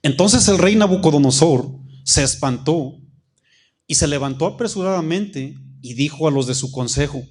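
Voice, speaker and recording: A man's voice: a little high, animated, a little mellow. Man preaching a sermon. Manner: preaching with call-and-response questions to the congregation; reads scripture slowly, stretching key phrases. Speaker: pastor.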